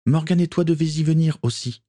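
A man voicing a calm young Japanese woman aboard a pirate ship, brief and composed, in a storybook reading. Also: a little high, a little fast, pitched above the performer's own voice, natural voice.

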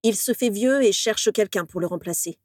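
Woman voicing a young wizard guy, earnest, begging his friend to calm down, kinda exasperated. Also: mid-range voice, moderate pace, dry recording, clean studio sound, close to an everyday voice. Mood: pleading. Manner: pleading, insistent. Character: earnest young male wizard student, conciliatory but exasperated.

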